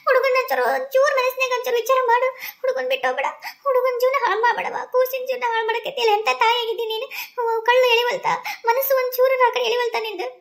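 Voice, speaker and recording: A woman's voice: very high-pitched, level tone, fast, vocal fry, hardly any pauses. Woman voicing a pleading old mother. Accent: North Karnataka Kannada. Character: pleading elderly mother-in-law, soft-hearted.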